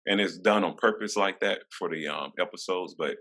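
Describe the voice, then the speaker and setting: Deep-voiced, bright-toned male interviewer. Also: moderate pace. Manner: warm, encouraging, with repeated fillers and laughs. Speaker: interview host. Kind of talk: casual interview chat.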